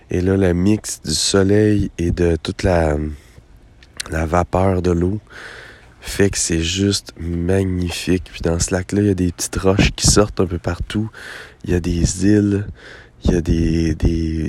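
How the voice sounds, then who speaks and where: Low, gravelly-voiced Quebec man, hoarse morning-after voice. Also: a little mellow. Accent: Quebec French. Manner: hesitant, thinking aloud, often repeating words. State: hoarse after a late night. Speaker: host of a personal voice-memo show. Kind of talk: casual, unscripted monologue. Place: outdoors on a lakeside beach.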